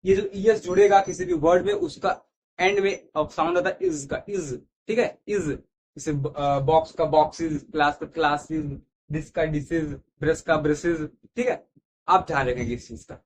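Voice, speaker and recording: A man teaches an English grammar lesson in a slightly high voice. He repeats each word list aloud and keeps checking that his students follow. His voice sometimes drifts as he moves away from the mic toward the board. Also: moderate pace, a little hiss or hum. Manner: repetitive, checks understanding with "theek hai". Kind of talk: classroom lesson explaining to students.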